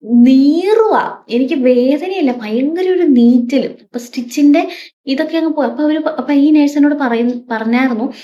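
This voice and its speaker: A woman's voice: high voice, moderate pace, mellow. A young woman vlogger telling a personal story in a heartfelt, emotional way, repeating her words as she goes. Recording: dull lo-fi recording.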